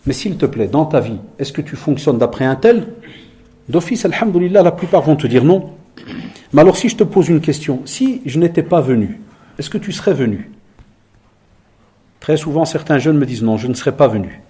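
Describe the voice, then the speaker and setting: A middle-aged male preacher speaks to a congregation, mixing teaching with lively stories. His voice sits a little high yet sounds mellow and warm. He often drops to a soft hush to act out conversations. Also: moderate pace. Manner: lively storytelling, acting out dialogue in a hushed voice. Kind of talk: sermon with storytelling.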